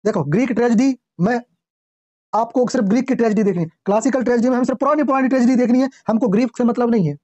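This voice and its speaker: A male teacher giving a classroom lecture, reading English lines slowly, explaining them in Hindi, quizzing the class and clearing his throat often. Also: very high voice, a little mellow, no room sound. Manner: quizzes the class with repeated questions. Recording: dull lo-fi classroom recording.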